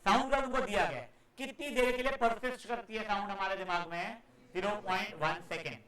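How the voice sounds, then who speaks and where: A man teaches a class in a high, sharp voice. He acts out every sound he explains and calls the students "beta." Heavy echo fills the classroom around him. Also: brisk. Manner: scolds students loudly at times. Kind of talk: live classroom physics lecture. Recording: very echoey classroom.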